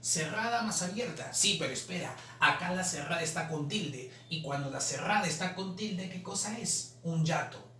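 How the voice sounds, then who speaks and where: Brief: man teaching, slow repetitions, bright tone, faint background noise. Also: sits high. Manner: drawn-out repetition of syllables, explanatory. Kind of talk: exam solution lesson. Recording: roomy, distant mic, faint noise.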